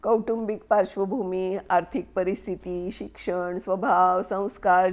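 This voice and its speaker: A woman storyteller reading a story aloud in a measured, expressive way. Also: medium pitch.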